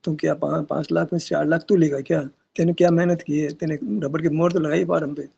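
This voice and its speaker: A man gives a spiritual discourse at a meditation session, challenging his listeners with rhetorical questions and casual asides. His voice is heavily gravelly and husky and sits a little high. The recording is dull and lo-fi. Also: fairly even intonation, brisk, warm tone. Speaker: spiritual teacher.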